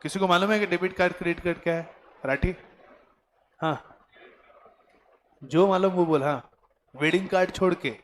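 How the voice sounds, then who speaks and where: A man teaching a commerce class, questioning students and explaining slowly in a classroom. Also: high voice, slight background noise. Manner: mixes Hindi, Marathi and English, quizzes students; slow, deliberate explaining. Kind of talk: classroom lecture.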